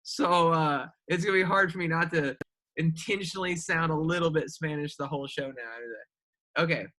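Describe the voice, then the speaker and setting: A man's voice: on the high side, bright, forceful tone. A man co-hosting a podcast, joking and teasing his guest in casual chat. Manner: joking, teasing, quick to banter. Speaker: podcast co-host.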